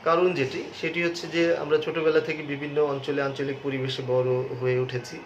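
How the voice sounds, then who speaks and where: A male professor giving a recorded pronunciation lesson, explaining slowly with many filler sounds and rhetorical questions. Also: a little high, little pitch movement. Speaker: assistant professor of Bengali. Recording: muffled echoey room recording with faint hiss.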